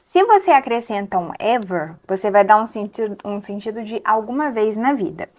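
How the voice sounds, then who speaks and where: A young adult woman with a Brazilian Portuguese accent, teaching English pronunciation step by step and repeating words slowly to model them. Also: medium pitch, lively intonation, a little mellow. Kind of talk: pronunciation lesson.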